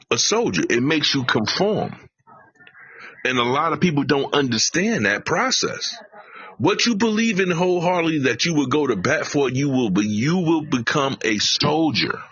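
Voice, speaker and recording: A man's voice: medium pitch, a bit bright, breathy edge, dry recording, lo-fi sound. A man hosting a live stream, preaching emphatically, repeating his phrases and swearing. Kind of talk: casual live-stream commentary.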